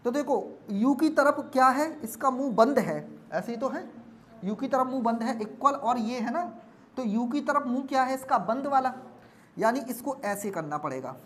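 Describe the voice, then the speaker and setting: Animated and moderately paced, a fairly high-pitched woman teaches exam reasoning at a board, restating each step and often checking for understanding with questions. The audio carries a little hiss or hum.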